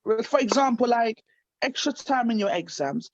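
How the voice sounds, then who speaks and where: A woman's voice: fairly high pitch, lively intonation, normal speed, dry recording. Upbeat woman hosting an interview. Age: 30s. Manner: enthusiastic, affirming. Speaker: host. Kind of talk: online interview show. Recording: dry, slightly dull sound.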